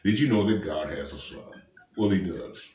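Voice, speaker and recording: A man's voice: sits low, lively intonation, normal speed, a little mellow, roomy sound, distant mic. A man preaching informally to camera, emphatic and firing rhetorical questions at the listener. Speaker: street preacher.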